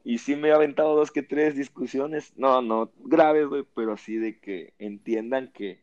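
Loud, laughing Veracruz Mexican guy. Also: mid-range voice, moderate pace, lo-fi sound. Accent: Veracruz Mexican Spanish. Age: 30s. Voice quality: loud, laughs often, slangy. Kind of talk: casual chat.

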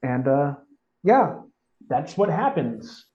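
A man's voice: fairly high pitch, very animated, takes it slowly, a little mellow. A man hosting a podcast, chatting eagerly about a book and reading passages from it aloud. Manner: enthusiastic, restarts often. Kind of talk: casual chat and reading aloud. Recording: dull lo-fi audio.

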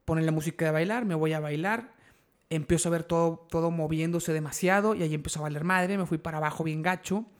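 A young man with a Mexican accent tells a long story on a podcast in a high voice. He talks in animated, slangy bursts and laughs at his own jokes. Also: quick pace. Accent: Mexican Spanish. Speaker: podcast host. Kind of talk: casual storytelling chat.

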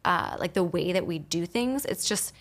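A woman entrepreneur, a guest on a studio interview, chats fast and loose with lots of "like" fillers. Her pitch swings lively throughout this casual conversation, captured on a studio microphone in a recording studio.

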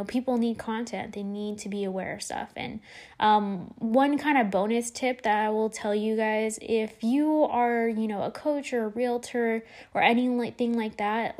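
A woman's voice: fairly high pitch, darkish tone. Chatty woman hosting a solo podcast. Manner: chatty, lots of fillers and restarts. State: losing her voice. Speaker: podcast host. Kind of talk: casual solo podcast talk.

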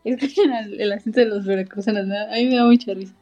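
A woman, chatting quickly and casually with friends. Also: medium pitch, warm tone, no echo. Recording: muffled, lo-fi mic.

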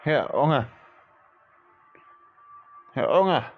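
A man playing an urgent male messenger who calls loudly at a door with bad news in a homemade audio drama. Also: on the low side, flat delivery, moderate pace, breathy edge. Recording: dull lo-fi recording, faint music.

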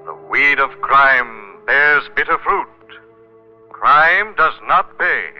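An actor playing a menacing, mocking shadowy avenger in a 1940s radio mystery, theatrical and ominous. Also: male voice, medium pitch, lively intonation, takes it slowly, soft background music. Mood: menacing, gloating. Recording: muffled old radio recording.

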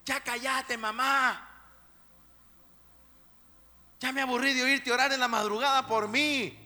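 Hombre haciendo de muchacho rebelde, grita desafiante, con eco de templo. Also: male voice, very high-pitched, steady tone, moderate pace, voice pushed up, heavily acted. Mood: defiant. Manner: shouting, defiant. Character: rebellious young man defying his mother. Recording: echoey hall with soft music.

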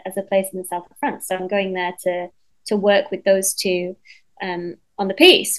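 A woman songwriter talking in a casual interview, chatty and lively, with lots of fillers and restarts and the odd casual swear word. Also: medium pitch, low-quality recording.

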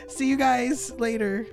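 A woman's voice: sits high, a little mellow. A woman co-hosting a podcast, chatting casually with strong opinions and frequent laughs. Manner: opinionated, dramatic, laughs often. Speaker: podcast co-host. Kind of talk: casual chat.

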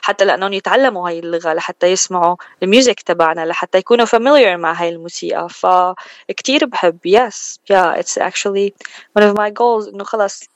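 A woman's voice: mid-range voice, fairly quick, dry recording. A woman with a Levantine Arabic accent chatting casually as a singer in a radio interview, switching between Arabic and English mid-sentence.

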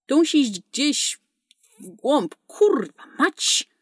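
A woman's voice: high voice, very animated, takes it slowly, no room sound, clean studio sound, pitched above the performer's own voice, heavily acted. A woman voicing a foul-mouthed, sarcastic young female space smuggler in a storybook reading. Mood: brash. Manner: cursing, sarcastic, tough.

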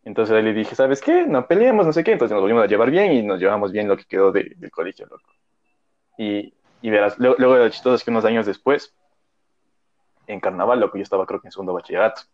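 A man's voice: on the low side, expressive, fast. A young man, telling a story in casual chat, rambling and full of slang and fillers. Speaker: podcast co-host. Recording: dull lo-fi audio.

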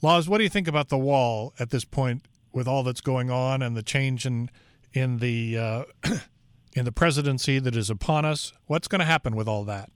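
A man's voice: mid-range voice, moderate pace, clear, resonant tone, dry recording, clean studio sound. A man hosting a broadcast interview as a radio talk show host.

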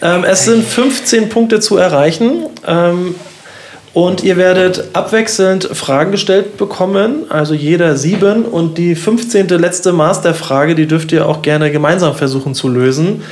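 Chatty host, quizmaster style. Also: male voice, sits high, measured pace, a little hiss or hum. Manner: chatty, playful quizmaster with many fillers. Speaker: podcast host. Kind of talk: casual interview chat.

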